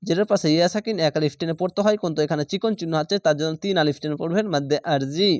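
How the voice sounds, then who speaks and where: A man teaching Quran reading who spells out each syllable slowly and patiently, drilling sounds and repeating instructions to his students. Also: on the high side, no room sound, clean studio sound. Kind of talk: spelled-out recitation lesson.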